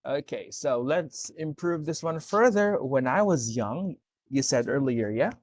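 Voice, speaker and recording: A man's voice: mid-range voice, expressive, a little slow, no room sound. A man tutoring English one-to-one, explaining corrections step by step and checking understanding with "okay?". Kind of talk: one-to-one speaking lesson.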